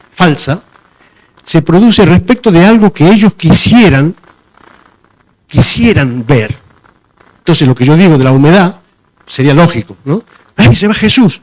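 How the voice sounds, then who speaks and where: A man with a fairly high voice preaches a sermon in a loose, conversational manner. He often repeats himself and pauses to hunt for the right word. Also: a little mellow. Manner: conversational, repeats phrases and searches for words.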